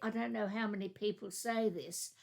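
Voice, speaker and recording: A woman co-hosting a literary discussion podcast, reading a chapter summary and giving measured, thoughtful commentary. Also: mid-range voice, fairly even intonation, gravelly, a little mellow. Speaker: podcast co-host.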